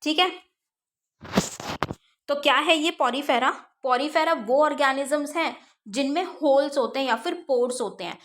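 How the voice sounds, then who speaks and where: A woman with a high, light voice teaching an exam-prep science class. She reads each textbook line slowly, then explains it plainly, asking a question and answering it herself. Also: a bit bright. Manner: explains step by step, asks and answers her own questions.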